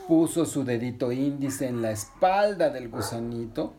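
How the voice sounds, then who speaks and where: A woman telling a children's story in an animated way, switching into voices for the characters. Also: very deep voice, a little slow, slight background noise.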